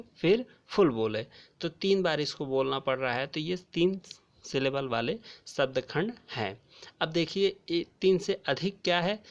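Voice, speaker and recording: A man teaching a grammar lesson, speaking slowly and repeating key terms as he addresses his viewers as friends. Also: fairly high pitch. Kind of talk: classroom lecture explaining grammar. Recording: dull lo-fi recording.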